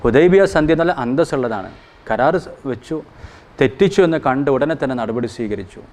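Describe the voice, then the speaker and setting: A man teaching a Qur'an commentary class in an earnest, explanatory way. His pitch sits in the middle of the range for a man. He slows down to chant Arabic verses, then goes back to plain talk, and stops to correct his own slips. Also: lively intonation, a little mellow.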